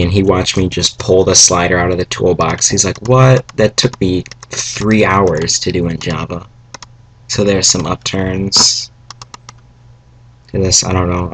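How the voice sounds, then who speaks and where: This tutorial maker, a young man, narrates a casual screen-captured coding lesson from a home room where family noise can be heard. Low, monotone, and a bit raspy from salty food, he rambles slowly with hesitations, fillers, and side remarks, and the poor audio picks up faint background noise and keyboard and mouse clicks.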